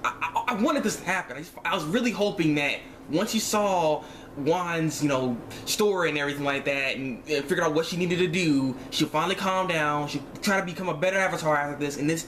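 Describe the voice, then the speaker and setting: Brisk and fairly high-pitched with a fairly bright tone, a man talks informally to viewers while reviewing an animated series episode. Slight background noise is present, and he uses slang, repeats himself a lot, and acts out his reactions.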